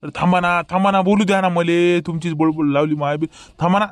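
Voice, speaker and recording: A man's voice: sits high, little pitch movement, a little fast, dry recording, clean studio sound, natural voice. A man with a Vidarbha Marathi accent playing a confused, protesting village man in a rustic comedy sketch.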